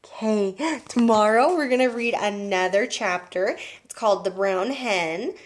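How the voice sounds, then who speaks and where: A woman's voice: medium pitch, unhurried. A woman teacher reading a children's book aloud to her class and pointing out the pictures.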